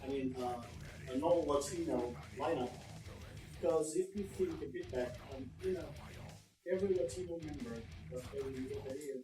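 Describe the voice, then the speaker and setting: A man's voice: on the high side, moderate pace. A man hosting a casual interview, who rambles and circles back to rephrase his questions. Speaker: podcast host interviewer. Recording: roomy distant mic with music behind.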